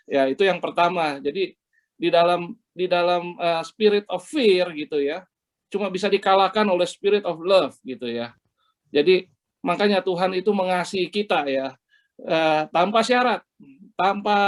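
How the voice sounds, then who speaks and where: A man giving an earnest, halting personal testimony over a video call from a hotel room, with many restarts. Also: high-pitched. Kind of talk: personal testimony to a men's fellowship.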